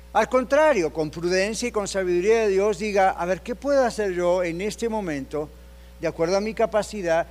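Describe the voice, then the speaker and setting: An older male pastor preaches with a high-pitched voice. He tells a personal story with animated delivery, shifting into the voices of the people he quotes and putting questions to his listeners. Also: long reverb tail. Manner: asks the congregation questions.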